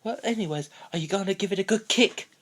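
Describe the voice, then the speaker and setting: A man's voice: sits high, fast, fairly bright tone, voice pushed up. A man voicing a wisecracking talking banana who makes sarcastic jokes. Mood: snarky. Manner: sarcastic, fourth-wall jokes. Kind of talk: fan cartoon parody voice acting.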